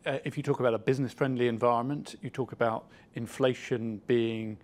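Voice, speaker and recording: A man's voice: mid-range voice, fairly even intonation, fairly quick. A man hosting a financial interview, putting formal questions with some hesitation in his phrasing. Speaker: interviewer, host.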